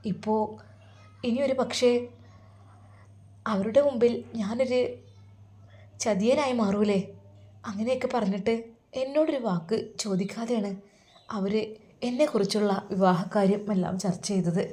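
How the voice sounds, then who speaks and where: A woman voicing a heartbroken, torn young man, speaking softly and sorrowfully. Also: medium pitch, fairly quick, lightly acted. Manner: soft, sorrowful inner monologue.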